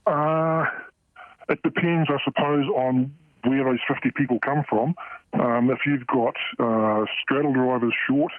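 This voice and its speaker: A middle-aged port worker with a New Zealand accent and a disguised voice, speaking bluntly and haltingly in a radio news interview. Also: male voice, medium pitch, steady tone, dry recording. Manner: blunt, halting, with many fillers and restarts. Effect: voice disguised by processing. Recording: tinny, dry phone-like sound.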